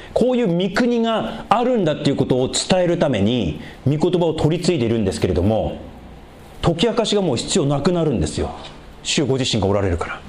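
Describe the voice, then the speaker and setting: A man preaching a sermon as a pastor, animated, repeating words for emphasis and swinging from low asides to high, exclaimed scripture. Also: slight background noise.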